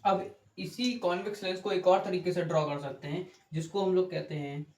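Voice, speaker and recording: A man teaches a physics class, explaining step by step as he draws on the board, asking checking questions and correcting himself. His high-pitched voice is a little mellow at normal speed, in an echoey room with faint ambient noise.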